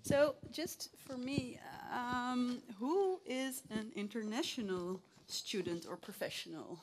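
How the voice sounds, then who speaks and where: A woman's voice: a little high, slow, noisy background. Chatty woman moderator in a lecture hall. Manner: chatty, with many fillers and small laughs. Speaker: event moderator. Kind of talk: live lecture introduction with audience questions.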